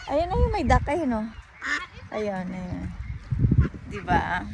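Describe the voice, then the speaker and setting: A woman's voice: medium pitch, sing-song, slow, vocal fry, heavy background noise. A woman vlogging as she walks outdoors by a park pond, chatting and joking, often laughing and mixing in English phrases, recorded on a handheld phone. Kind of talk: casual walking vlog.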